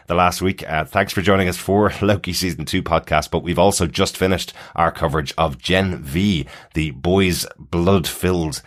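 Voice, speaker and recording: A podcast host with a low, slightly bright voice chats casually about TV. He explains his take on shows and reads through listener feedback.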